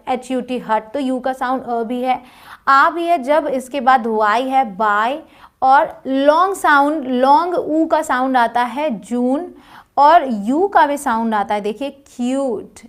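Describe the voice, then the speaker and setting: A woman with a high, bright voice teaches English phonics. She speaks patiently and spells out each word letter by letter. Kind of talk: explaining phonics lesson.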